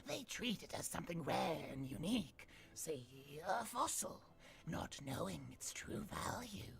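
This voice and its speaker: A woman voicing a mysterious, sly old woman in a video game, speaking in a hushed half-whisper with cryptic, insinuating delivery. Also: fairly low pitch, very animated, a little slow, vocal fry, exaggerated voice. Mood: sly, secretive. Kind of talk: theatrical video game character acting.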